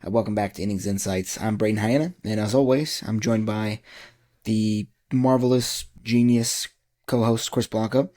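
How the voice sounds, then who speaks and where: Mellow-voiced man hosting a baseball podcast. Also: lowish voice, fairly even intonation. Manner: joking, rattles off names quickly. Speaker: podcast host. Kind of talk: casual sports podcast chat.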